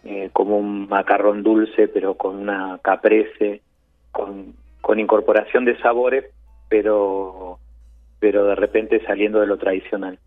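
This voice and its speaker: A man with a Buenos Aires accent, a chef guest telling his story over the phone in an unhurried, reflective way. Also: lowish voice. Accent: Buenos Aires Spanish. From Argentina, Buenos Aires. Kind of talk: phone interview. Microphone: phone line. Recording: tinny phone line with faint music.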